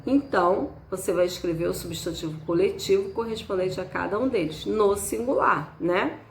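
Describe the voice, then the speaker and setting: A woman teacher, slowly and patiently walking students through a worksheet item by item. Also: medium pitch, gravelly, a little hiss or hum. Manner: slow, patient, spells out each item. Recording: echoey room, faint background ambience.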